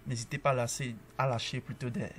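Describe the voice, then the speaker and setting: A man giving a casual coding tutorial, calmly talking through each step as he types and tossing in upbeat asides to the viewer. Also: mid-range voice, quick pace.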